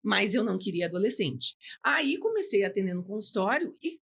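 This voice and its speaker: A woman's voice: mid-range voice, sing-song, a little fast, vocal fry, a bit bright, husky. A woman psychologist, chatting as a podcast guest, explaining with frequent checks like "né". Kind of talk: casual podcast interview.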